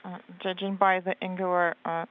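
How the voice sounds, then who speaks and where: A woman giving a live translation voice-over of radio exchanges, speaking in halting pieces with many hesitations. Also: lowish voice, level tone, smooth. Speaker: interpreter. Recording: very narrow phone-like line.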